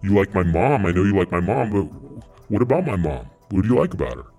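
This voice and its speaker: Man with a deep voice changer. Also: sing-song, fast talker, dark tone, breathy edge, soft background music. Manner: teasing, goofy, absurd tangents. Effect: voice changer, deep morphed voice. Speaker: prank call show host. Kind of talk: mocking prank phone banter.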